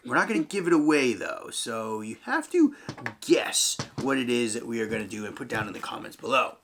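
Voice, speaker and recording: A man's voice: medium pitch, very animated, a little fast, noisy background. A man hosting a casual family unboxing video, patiently explaining each step and talking straight to the viewers. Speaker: channel host and parent.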